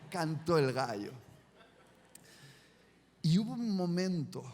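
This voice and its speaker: A male preacher with a Spanish accent from Spain tells the story dramatically, with a high, gravelly voice. His sermon carries a long reverb through a large hall. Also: lively intonation, a little slow, fairly bright tone, a little hiss or hum.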